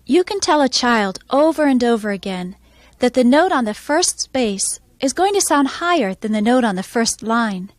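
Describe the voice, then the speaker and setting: Woman music teacher explaining stuff, kinda high voice, dry, steady and measured. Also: no echo. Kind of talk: instructional voice-over narration.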